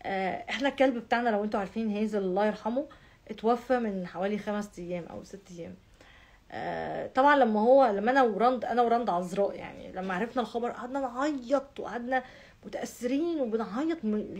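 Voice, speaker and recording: Fast-talking Egyptian woman, emphatic and chatty. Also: mid-range voice. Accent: Egyptian Arabic. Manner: emphatic, piles up repeated words. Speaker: astrology vlogger. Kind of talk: casual chat to viewers.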